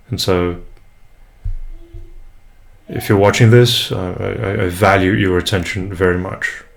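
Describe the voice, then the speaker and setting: A very low, gravelly, steady voice belongs to a young Brazilian man, Portuguese by first language, who is an English tutor and vlogger. Introducing his first vlog casually, he's reflective and hesitant, restarting often and using many fillers, into an unprocessed USB desk mic at home.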